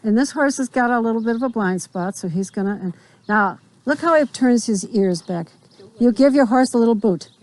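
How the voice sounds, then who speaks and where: A woman's voice: a little high, moderate pace, darkish tone, poor audio. A woman riding instructor outdoors, explaining drill directions firmly and checking that her riders understand. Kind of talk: spontaneous hands-on instruction.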